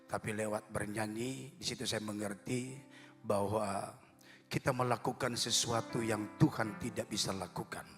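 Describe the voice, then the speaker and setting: A man's voice: lowish voice, steady tone, moderate pace, a bit bright. A man preaching as a guest pastor in a church service. He talks in a chatty, joking way, often closing phrases with a tag to the congregation. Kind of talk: sermon. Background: live church music.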